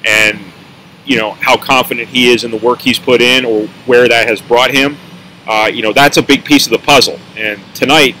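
A man's voice: medium pitch, fairly even intonation, normal speed, sharp tone, slight background noise, rough recording. A male sports reporter giving a rambling post-game analysis with dry asides, talking around a mint in his mouth.

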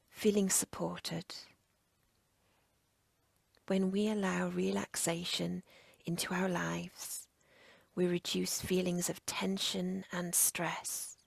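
A woman teaching yoga nidra guides a relaxation meditation, her voice a breathy, husky near-whisper at a fairly low pitch. She uses short, measured, soothing phrases, and there's no room sound.

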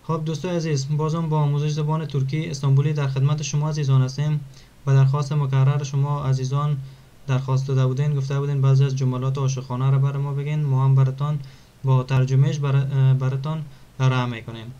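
Mellow-voiced man teaching a lesson. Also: medium pitch, flat delivery, dull audio. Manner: repeats words slowly and clearly for pronunciation. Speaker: language teacher. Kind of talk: online language lesson.

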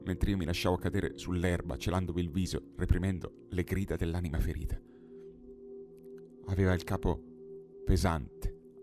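A man with a very low voice reads a dark old tale aloud, impassioned and dramatic. Clear singing bowl music hums beneath his words. It is a studio audiobook narration. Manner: impassioned, swelling to loud pleading in dialogue. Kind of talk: dramatic audiobook reading of a 19th-century tale.

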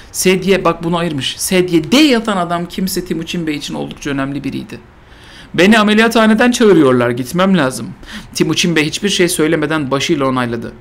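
Sarcastic man reading aloud with mock drama. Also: a little high. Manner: sarcastic, mock-solemn, repeats phrases for comedy. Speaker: host reading a fan story aloud. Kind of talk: mocking dramatic reading with game chatter.

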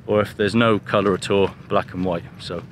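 Man in his thirties, casual vlog, relaxed and chatty, outdoor beach, camera held at arm's length, faint background noise. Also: fairly low pitch, normal speed. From England. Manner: relaxed, chatty, self-deprecating. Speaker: photography vlogger. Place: open beach outdoors at sunset. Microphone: camera-mounted mic, held at arm's length.

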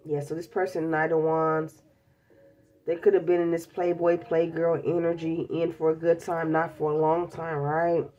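Her low voice comes through with the highs cut off and a slight hiss or hum. Congested from a cold, this tarot reader talks frankly and casually to her viewers, whom she calls babies, from an indoor table piled with tarot decks.

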